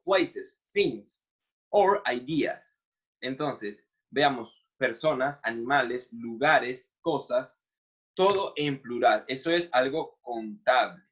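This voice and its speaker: A male English teacher, a native Spanish speaker, giving a recorded online lesson. He explains in Spanish and reads the English examples slowly. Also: mid-range voice, fairly bright tone, husky. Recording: dull lo-fi sound.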